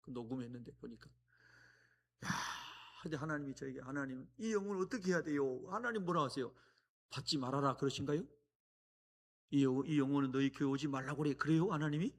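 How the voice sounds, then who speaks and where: A middle-aged man preaching a sermon as a guest preacher, telling stories with sudden loud exclamations. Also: mid-range voice, a little fast. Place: church sanctuary.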